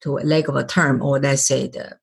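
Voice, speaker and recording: A woman's voice: a bass voice, little pitch movement, brisk, gravelly, slightly rough. A middle-aged woman hosting a podcast interview, often searching for words and restarting her sentences. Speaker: podcast host.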